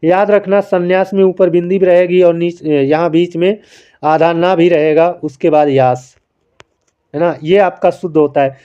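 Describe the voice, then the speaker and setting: Patient Hindi grammar teacher, dull lo-fi sound. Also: male voice, high-pitched, flat delivery, measured pace, clear, resonant tone. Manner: explains patiently, keeps calling listeners friends; asks questions and answers them himself. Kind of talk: spelling quiz lesson.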